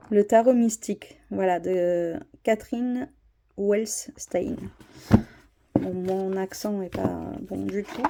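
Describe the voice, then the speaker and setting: Woman going through her tarot decks, warm low-key voice, lots of umms and restarts. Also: a little hiss or hum. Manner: hesitant, many fillers and restarts. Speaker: tarot vlogger. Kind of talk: casual show-and-tell.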